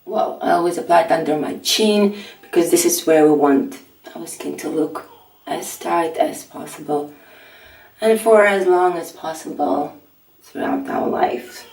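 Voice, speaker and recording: A middle-aged woman with a raspy early-morning voice, chatting softly through a skincare tutorial and filling her pauses with "um". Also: on the low side. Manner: soft-spoken, chatty, with frequent fillers. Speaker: beauty vlogger. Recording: echoey room, mic at a distance.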